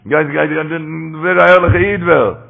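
Gravelly man preaching over a phone line. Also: on the high side, fairly even intonation, a little slow, soft background music. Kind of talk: religious talk with stories. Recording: tinny phone-line recording.

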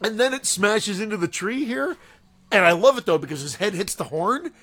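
A man's voice: high-pitched, expressive, normal speed, fairly bright tone. A man in his forties casually joking through a movie commentary, crude and laughing often. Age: 40s. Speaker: podcast co-host.

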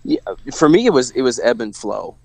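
A man's voice: medium pitch, very animated, brisk, creaky, darkish tone, no echo. A man from Missouri speaking as an interview guest, reflective and rambling with many fillers and restarts. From Missouri, USA. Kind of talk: casual faith-based conversation.

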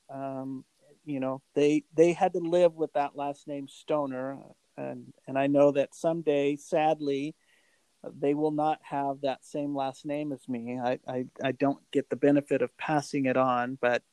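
A man's voice: a little high, dark tone, dry recording, low-quality recording. A man in his forties co-hosting a podcast, talking reflectively with many fillers and restarts. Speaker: podcast co-host. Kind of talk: casual podcast chat.

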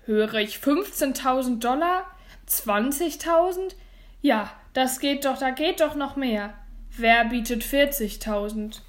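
A woman voicing a flustered middle-aged male auctioneer who calls out bids loudly and eagerly, read as a storybook. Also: sits high, normal speed, lightly acted. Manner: loud, eager auction calling.

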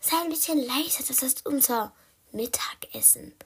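Bossy female storybook cat, read by a woman, high and breathy, urgent. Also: moderate pace, exaggerated voice. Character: restless female shelter cat longing for freedom.

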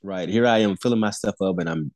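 Tiefstimmiger Mann, ernst predigend. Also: male voice, lowish voice, expressive, fast talker, vocal fry, a little mellow, no echo. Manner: earnest preaching tone, many restarts and repeated words, chuckles between phrases. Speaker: pastor and Air Force airman, podcast guest. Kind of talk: candid faith testimony in a podcast conversation.

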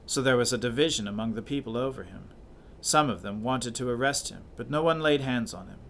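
A man reading scripture and leading prayers at a church service in a measured, solemn cadence. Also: mid-range voice, gravelly, fairly bright tone, slight background noise. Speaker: scripture reader and officiant.

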